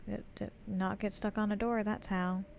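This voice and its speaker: A woman's voice: mid-range voice, flat delivery, moderate pace, gravelly, a little mellow, a little hiss or hum. A woman giving chatty gameplay commentary as a let's play host, talking herself through things in a flustered way. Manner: chatty, flustered self-talk.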